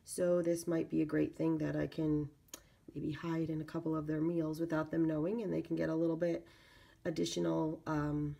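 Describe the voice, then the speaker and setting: A woman hosting a casual unboxing video, with a raspy voice congested from a cold, pausing as she reads and comments. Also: sits low, little pitch movement, dark tone. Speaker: video channel host. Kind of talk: casual product unboxing narration.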